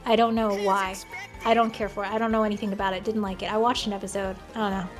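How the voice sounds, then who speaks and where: A woman's voice: medium pitch, flat delivery, fast talker. An American woman giving casual, opinionated commentary in a blunt, wry, conversational way. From United States. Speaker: video commentator. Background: music.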